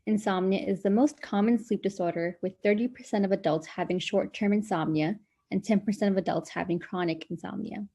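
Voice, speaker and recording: A woman's voice: mid-range voice, fairly quick, mellow, husky. A woman in her twenties from Brooklyn, a nursing student reading a health presentation on a video call with small hesitations. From Brooklyn, New York, US. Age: 20s. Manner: reads statistics with small "um" fillers.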